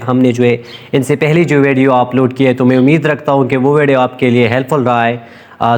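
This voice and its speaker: A man explains English grammar in a loose, informal lesson. He talks hesitantly, full of fillers and restarts, and slows right down to dictate English sentences word by word. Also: medium pitch.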